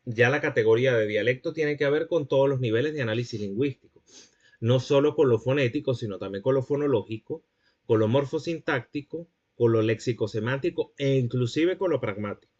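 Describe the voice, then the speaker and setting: A man's voice: mid-range voice, brisk, a little mellow, muffled recording. A man giving a classroom lecture, explaining points and checking that students follow.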